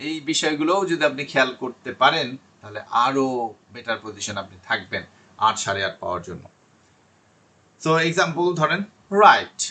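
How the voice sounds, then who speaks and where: Man, online teacher, bright tone, mid pitch, slow read-out English tips. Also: slightly rough. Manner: reads English tips slowly, explains in Bengali. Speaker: IELTS teacher. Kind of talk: online lesson.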